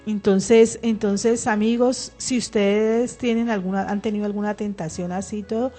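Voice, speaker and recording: Lady on the radio giving her testimony, earnest, keeps restarting, mid pitch. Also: steady tone, normal speed, dark tone, soft background music. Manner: emotional, earnest, with frequent restarts. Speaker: radio program co-host. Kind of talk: personal religious testimony on radio. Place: radio studio.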